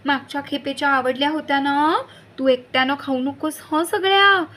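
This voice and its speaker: A woman's voice: high voice, normal speed, bright, forceful tone, voice pushed up. Woman playing a doting, coaxing auntie. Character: fond woman bringing idlis for the boy.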